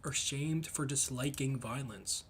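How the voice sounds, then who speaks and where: A young man chatting casually and emphatically in slang, thinking out loud as he rambles through his opinions. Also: medium pitch, a little slow, a little hiss or hum. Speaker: solo commentator reading and reacting to comments. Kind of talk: casual rambling chat about comics and anime.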